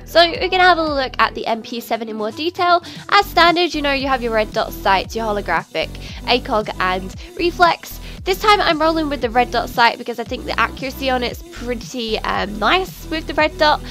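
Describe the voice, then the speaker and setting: A woman's voice: high-pitched, expressive, a little fast, hardly any pauses, pushed and bright. A woman hosting a casual, chatty video game tutorial, her nose stuffed up with a cold. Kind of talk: casual gaming tutorial commentary. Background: music.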